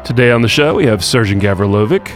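A man's voice: mid-range voice, animated, fast, over music. A man hosting a business interview show, moving from a scripted promotional intro into upbeat casual conversation. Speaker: podcast host.

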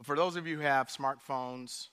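A man's voice: mid-range voice, fairly even intonation, normal speed, fairly bright tone, clear, resonant tone. A man preaching a sermon as pastor, conversational at times and building into impassioned preaching. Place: church sanctuary.

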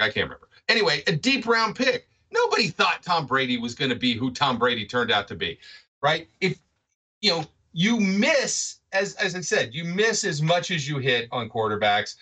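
A man co-hosts a sports podcast in an animated, argumentative way, tossing in "right?" after point after point. His voice is bright and swings widely in pitch, and he sounds set back from the mic. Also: far from the mic. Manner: animated, keeps asking "right?". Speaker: podcast co-host. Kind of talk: casual sports talk.

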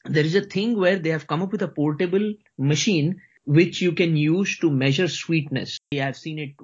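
A man's voice: a little high, normal speed, husky. A man with an Indian accent chatting casually as a co-host, explaining things and putting details right. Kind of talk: casual conversational chat. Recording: slightly dull, lo-fi audio.

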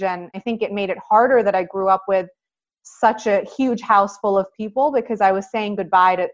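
A young woman in her twenties from Pakistan, a guest on an interview, telling her life story in a measured, reflective way. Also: mid-range voice. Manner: measured, reflective, frequent "I think" and "you know". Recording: slightly dull lo-fi audio.

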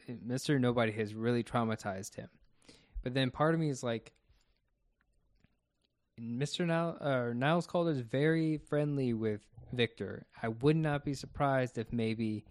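A man's voice: mid-range voice, no room sound, studio quality. A man co-hosting a casual podcast, talking through his thoughts about a TV episode one step at a time. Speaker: podcast co-host.

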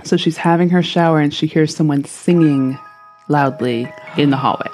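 A woman with a notably low voice hosts a story podcast. She talks casually, retelling things as she would to friends. Faint music sits behind her. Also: normal speed, darkish tone. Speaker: podcast host introducing listener stories.

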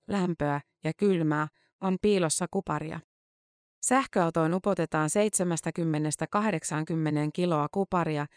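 A woman reporter reading a scripted news-feature narration in a measured, matter-of-fact way. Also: sits low, darkish tone, dry recording, clean studio sound.

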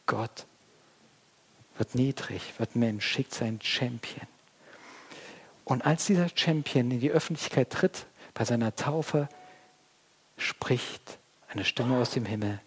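Man, pastor, sermon, husky voice, hushed to rousing, speaks to the congregation. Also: medium pitch. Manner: lively preaching, swings from hushed to loud, addresses congregation directly.

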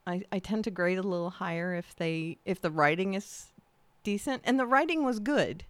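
A woman's voice: fairly low pitch, expressive, moderate pace, no room sound. A woman co-hosting a casual podcast, chatty and self-mocking, often breaking into giggles. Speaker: podcast co-host. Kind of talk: casual chat.

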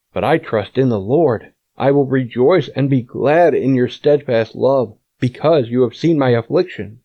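A man reading scripture aloud in a measured, solemn way. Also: mid-range voice, no echo. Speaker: scripture reader. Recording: dull lo-fi audio.

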